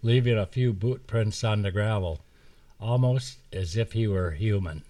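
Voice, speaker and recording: An older man reading comic short stories aloud in a wry, unhurried way, recorded at home from a distant mic in a dry room. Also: lowish voice, dark tone, no echo. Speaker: storyteller.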